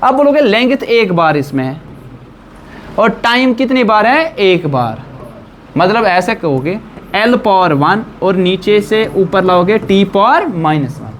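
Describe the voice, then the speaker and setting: A man's voice: sits high, animated, slow, slight background noise. A man teaching a physics class, lecturing and quizzing his students with repeated questions.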